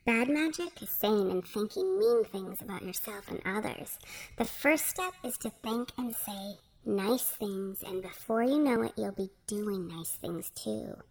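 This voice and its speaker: A woman voicing a kind, gentle female fairy healer who speaks softly and patiently. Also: medium pitch, animated, unhurried, voice pushed up. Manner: soft, patient, coaxing.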